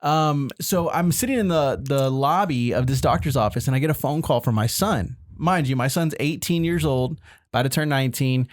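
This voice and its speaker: A man in his thirties co-hosting a podcast, telling a funny story in a relaxed, casual way, laughing as he goes. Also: mid-range voice, normal speed, no echo, clean studio sound. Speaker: podcast co-host.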